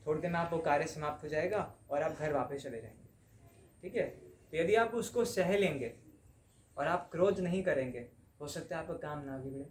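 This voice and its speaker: Guy teaching a spiritual class, chatty, kinda high voice, echoey room w faint hum behind. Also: lively intonation, moderate pace. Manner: conversational, checks in with the listeners. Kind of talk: devotional class talk. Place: class room with a live audience. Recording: roomy hall with faint ambience.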